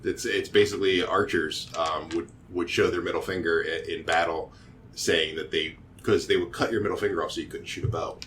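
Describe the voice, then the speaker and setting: Low-voiced man running a tabletop game. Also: fairly even intonation, a bit bright, slight background noise. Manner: halting, with many fillers. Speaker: game master.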